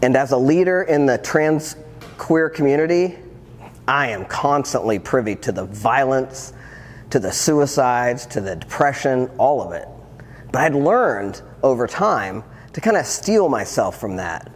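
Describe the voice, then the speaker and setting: A man's voice: medium pitch, expressive, a little slow. A man in his fifties, a transformational coach, telling his personal story to an audience with earnest reflection and wry humor. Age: 50s. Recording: long hall reverb, faint ambience.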